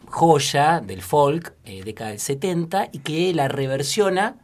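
A man's voice: fairly high pitch, lively intonation, unhurried, a little mellow. A man co-hosting a casual radio show, hesitant with many fillers. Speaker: radio co-host.

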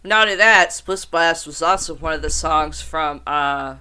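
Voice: mid-range voice, unhurried, pushed and bright, smooth. A podcast host reading out notes on banned songs, breaking off to swear and joke in casual, uncensored talk. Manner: reads out notes, then swears and riffs.

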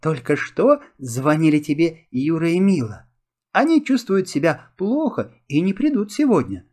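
Soft reassuring mother read by a man, husky tone, storybook reading. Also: a little high, sing-song, a little slow. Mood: tender. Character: gentle caring mother.

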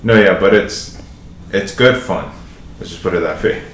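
A man's voice: low voice, moderate pace. A laid-back, agreeable man chatting in a casual film podcast. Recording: roomy echo, faint background hiss.

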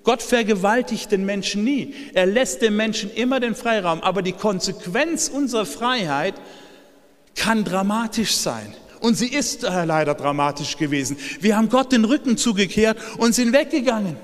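A man preaches a sermon with a high-pitched voice, shifting from hushed phrases to loud, excited calls. His voice rings with a long reverb, as if he stands in a large church hall. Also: normal speed. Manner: lively preaching, swings from soft to shouted. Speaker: pastor.

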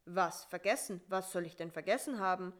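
A woman voicing a nervous male beetle delivery man in a read-aloud children's story, speaking in a hurried, prim way. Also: lowish voice, close to an everyday voice. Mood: hasty prim. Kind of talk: storybook reading.

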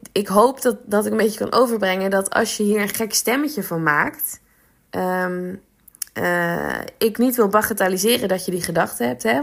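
A woman's voice: mid-range voice, gravelly. A woman coach giving advice in a chatty podcast talk, laughing often and using many fillers.

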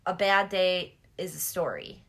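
A young adult woman co-hosting a podcast tells stories in a casual, gossipy way, candid and sweary, oversharing and giggling often. She has a slight lisp and a lowish, expressive, fairly bright voice, speaking a little slowly.

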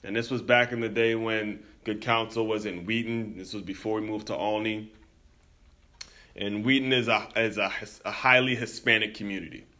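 A man's voice: lowish voice, steady tone, moderate pace, pushed and bright. A young man from the United States hosting a podcast, telling a personal story in an earnest, reflective way and addressing his listeners as teammates. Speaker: podcast host.

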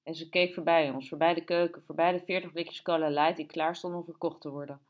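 Low-voiced woman reading an audiobook. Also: steady tone, quick pace. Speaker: audiobook narrator. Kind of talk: scripted narration.

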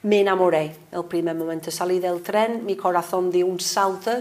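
Liverpool-born woman in her 60s, english accent, low voice, chatty and lively. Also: normal speed. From England, Liverpool. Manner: animated, laughs often, mixes in English words. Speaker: guest, singing teacher. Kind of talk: casual interview conversation.

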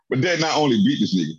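Animated, husky man telling stories. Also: mid-range voice. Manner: animated, laughs often, profane storytelling. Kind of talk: casual storytelling chat. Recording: dull lo-fi audio.

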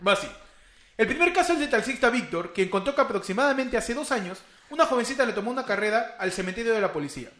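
A young Peruvian man with a high, bright, very lively voice recounts eerie tales in slangy, animated casual chat. The room around him is echoey. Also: quick pace. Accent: Peruvian Spanish. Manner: animated, slangy, laughing retelling of spooky stories. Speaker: podcast host.

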